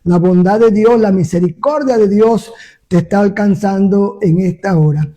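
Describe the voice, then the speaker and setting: A man with a strikingly high voice and a soft, dark tone serves as pastor and host of a live-streamed radio program, broadcast over a phone in a low-quality recording. At a moderate pace, he reads scripture with fervent, preaching emphasis and speaks warmly to listeners between passages in this mix of radio interview and sermon reading.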